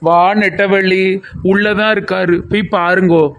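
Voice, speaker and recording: A man voicing a calm, kindly village fellow in a cartoon comedy, with a southern Tamil Nadu accent. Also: sits high, normal speed, clear, resonant tone. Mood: reassuring. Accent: southern Tamil Nadu (Kanyakumari–Tirunelveli). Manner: gentle, scolding mildly, reassuring.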